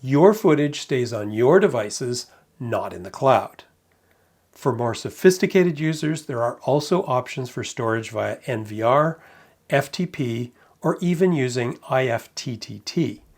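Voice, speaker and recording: A man narrating a product review in a measured, matter-of-fact way with light amused asides. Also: medium pitch, lively intonation, darkish tone.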